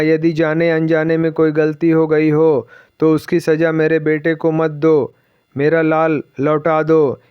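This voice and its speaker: A man's voice: a little high, smooth, no echo, close to an everyday voice. A man reading the lines of a devout old village mother who pleads and laments, in a slightly dull, dry recording.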